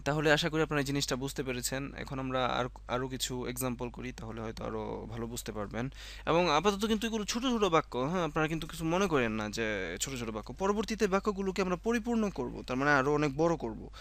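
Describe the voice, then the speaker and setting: A man's voice: mid-range voice, animated, quick pace, fairly bright tone. A man teaching French in a casual spoken lesson, explaining step by step and correcting himself often. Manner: explains step by step, repeats himself, many fillers and self-corrections.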